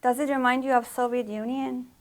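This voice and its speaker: A woman interviewer putting formal questions in deliberate, halting phrases. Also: high voice, fairly even intonation.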